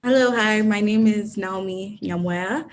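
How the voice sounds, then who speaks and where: A woman from Kenya, a research officer, giving a friendly, relaxed introduction on an online panel. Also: medium pitch, unhurried, slight background noise.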